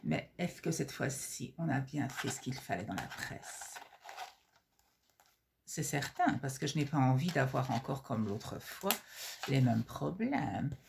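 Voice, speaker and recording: A woman playing a vain, flirty blonde Parisian cabaret star who confides gossip coyly in a theatrical comic sketch monologue, her voice husky. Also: rumbling low, animated, background noise, pitched below the performer's own voice, full character voice. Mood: fussy, confiding. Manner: coy, confiding, theatrical drawn-out words.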